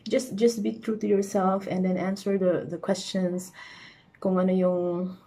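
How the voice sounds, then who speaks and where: A woman's voice: on the low side, little pitch movement, a little slow, dark tone. A young Filipino woman with a Filipino accent, chatting casually to her viewers with lots of fillers. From Philippines. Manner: chatty, mixes English and Tagalog, many fillers. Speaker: vlogger. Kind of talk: casual chat.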